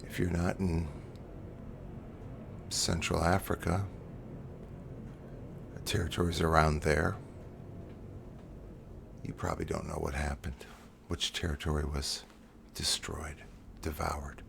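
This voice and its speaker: A man telling a rambling, soft-spoken sci-fi story on a live stream in a self-described ASMR style, often correcting himself and now and then getting loud. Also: extremely low pitch, fairly even intonation, a little slow, creaky, long pauses, slight background noise. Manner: rambling, restarts and corrects himself, mostly quiet with loud bursts.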